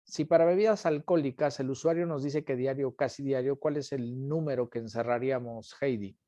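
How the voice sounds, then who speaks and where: A man's voice: medium pitch, fairly even intonation, fairly quick, warm tone, no echo, muffled recording. A man teaching an online class, patiently repeating each question and calling on students by name. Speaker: instructor.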